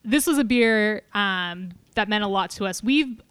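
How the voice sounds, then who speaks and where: Smooth-voiced woman podcast co-host. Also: medium pitch, measured pace, dry recording. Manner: relaxed, laughs often, tasting and reminiscing. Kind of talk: casual chat.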